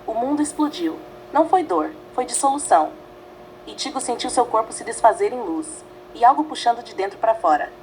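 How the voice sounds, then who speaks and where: A woman narrates a fan-written story in short, weighty phrases. Her voice sits a little high, and the reading stays measured and dramatic throughout. A faint ambient hum runs underneath. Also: animated, a little mellow, rough recording. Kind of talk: scripted fanfiction narration.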